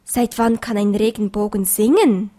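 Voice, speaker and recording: A woman's voice: moderate pace, warm tone, lightly acted. A woman voicing a small, eager bunny boy in a storybook reading. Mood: searching. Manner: high, eager and wide-eyed.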